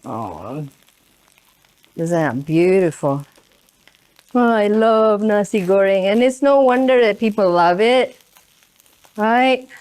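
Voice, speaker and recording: This Indonesian cooking-show host has a mid-range, slightly mellow and smooth voice, and she takes her time, pausing often. She chats through the recipe while a pan sizzles, frequently tossing in "right?".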